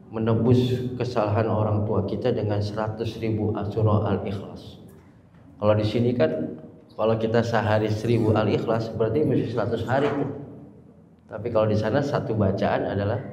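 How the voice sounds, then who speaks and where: Indonesian preacher in an echoey hall. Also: male voice, lowish voice, warm tone, a little hiss or hum. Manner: emotional, conversational storytelling with frequent sighs of devotion. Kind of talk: sermon. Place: mosque hall. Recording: roomy hall echo, dull lo-fi sound.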